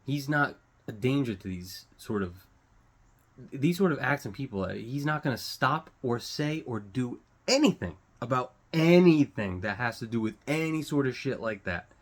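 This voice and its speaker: A man speaking at medium pitch with an expressive voice hosts his own online show. His unscripted news commentary is casual, halting and rambling, with casual swearing while he searches for words.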